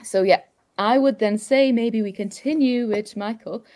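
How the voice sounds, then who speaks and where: A woman's voice: fairly high pitch, measured pace, a little mellow. A woman presenting a live online science demonstration, explaining step by step with frequent fillers, recorded on a camera mic indoors. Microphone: webcam or phone camera mic.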